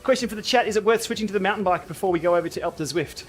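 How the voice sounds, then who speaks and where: A man's voice: high voice, rapid-fire, faint music behind. A man hosting a casual livestream, bantering and thinking aloud as he chats during an indoor cycling game. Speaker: livestream host.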